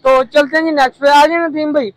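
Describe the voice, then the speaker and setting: A young man from Pakistan hosting a market tour vlog with a brisk, upbeat presenter manner, recorded outdoors in a warehouse yard on a lapel mic. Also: very high voice, steady tone, dry recording. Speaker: vlogger host. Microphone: clip-on lapel mic.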